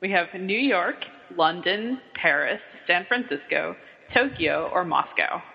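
Young man from kentucky, giggly casual chat, slightly high voice, muffled, reverb-heavy room. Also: expressive, measured pace, vocal fry. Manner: giggly, upbeat, laughs between lines. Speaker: podcast host.

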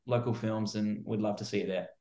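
A man's voice: on the low side, steady tone, a little fast, mellow, roomy sound. A man with an Australian accent, a film director guest, talking eagerly about his film's release. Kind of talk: casual interview.

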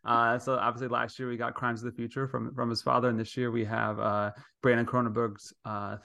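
A man's voice: medium pitch, level tone, brisk, gravelly, bright, forceful tone, dry recording, clean studio sound. A man hosting a podcast in a casual, chatty style. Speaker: podcast host.

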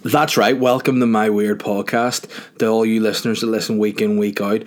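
A man's voice: fairly low pitch, level tone, normal speed. A man hosting a casual comic solo podcast in a rambling, sweary, mock-indignant manner, recorded in a small room. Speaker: podcast host. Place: small box room in a house.

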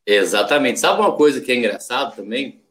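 A man's voice: medium pitch, animated, brisk, fairly bright tone. A man from Brazil, a podcast guest in casual chat, explaining ideas step by step and acting out little quoted examples. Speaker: podcast guest, sales development rep.

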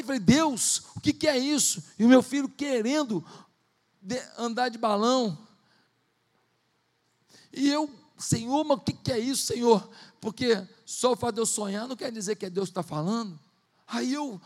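High-voiced man preaching a sermon. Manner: swings from quiet storytelling to shouted emphasis. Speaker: pastor. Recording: long hall reverb.

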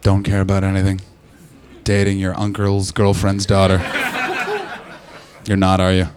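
A man doing stand-up crowd work, brash and profane, teasing the audience and breaking into loud shouts. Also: sits low, completely flat delivery, moderate pace, a little hiss or hum. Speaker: stand-up comedian. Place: London comedy club.

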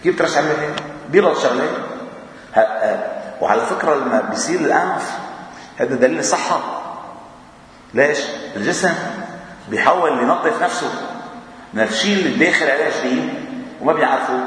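Set back from the microphone in a big, echoing hall with long reverb, a Lebanese man with a Levantine Arabic accent delivers an informal mosque talk. His fairly bright voice has lively intonation and moves a little fast with frequent pauses, as he chuckles and throws questions to the audience.

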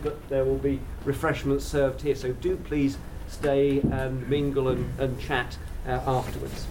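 A man chairing an event, introducing it in a courteous, measured and formal way. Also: medium pitch. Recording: distant mic, faint noise.

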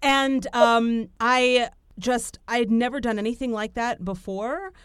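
A woman hosting a podcast, telling stories in a lively casual chat with lots of fillers. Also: fairly high pitch, unhurried, clear, resonant tone, dry recording, clean studio sound. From Italian heritage. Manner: animated, storytelling with frequent fillers. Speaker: podcast host. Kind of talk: casual conversation.

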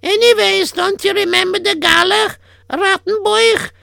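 A sharp-tongued, practical old-world wife, as a woman acts her out, always pointing out what's wrong. Her voice sits very high and crackles with heavy fry, bright and sharp. Dry and close, as in a comic radio play. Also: steady tone, a little slow, no echo, full character voice. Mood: nagging.

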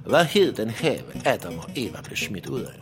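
A woman voicing a gloomy male ferryman of the dead who asks questions haltingly. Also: very deep voice, very animated, music in the background.

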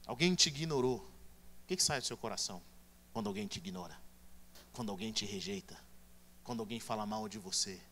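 Bright-voiced preacher man. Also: on the low side, fairly quick, pauses often. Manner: emphatic, swings from hushed to loud. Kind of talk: sermon.

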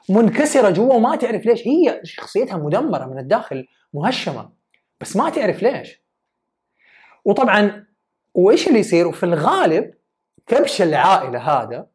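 Fast-talking woman giving a motivational talk. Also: on the low side, darkish tone. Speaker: self-development speaker.

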